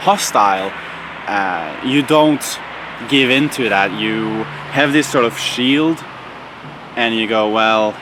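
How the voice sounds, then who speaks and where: A man's voice: on the low side, background noise. A young man vlogging casually outdoors, rambling with lots of fillers and restarts. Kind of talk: casual vlog monologue.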